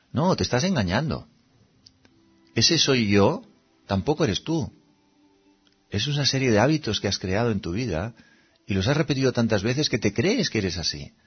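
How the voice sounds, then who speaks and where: Husky-voiced man from teaching meditation. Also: medium pitch, dull audio. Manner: conversational, asks rhetorical questions, acts out little scenes. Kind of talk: reflective spiritual talk.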